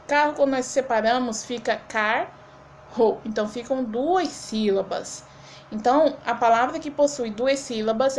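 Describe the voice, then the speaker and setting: A Brazilian woman teacher giving a remote lesson to young pupils, affectionate and slow, spelling words out syllable by syllable. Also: a little high, a little mellow, a little hiss or hum. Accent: Brazilian Portuguese. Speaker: schoolteacher. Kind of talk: remote class lesson for children.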